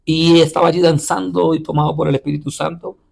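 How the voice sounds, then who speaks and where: A man with a fairly high voice recounts his testimony as a pastor. He talks haltingly, restarting phrases and filling pauses with "eh". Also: level tone, vocal fry, darkish tone. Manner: halting, repeats words and says "eh" often. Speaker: pastor and missionary. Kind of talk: telling a personal testimony in an interview.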